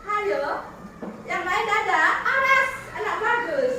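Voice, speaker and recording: A woman's voice: very high voice, animated, takes it slowly. A woman teacher running a primary school class, calling on pupils by name and encouraging them. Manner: encouraging, calls on pupils by name, leads applause. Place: classroom full of children. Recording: very echoey classroom, distant mic, noisy.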